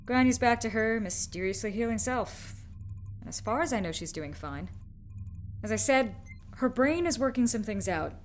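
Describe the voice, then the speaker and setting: An actress playing a wry, confident ship's medic in an audio drama, with a dry, teasing manner. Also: female voice, on the high side, animated, moderate pace, faint music behind, close to an everyday voice.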